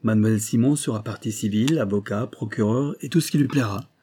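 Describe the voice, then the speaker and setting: A man's voice: fairly low pitch, quick pace, warm tone, slightly rough. A man reading aloud, voicing a jovial, commanding noble prince who speaks in a lordly, exclamatory way. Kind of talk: audiobook reading.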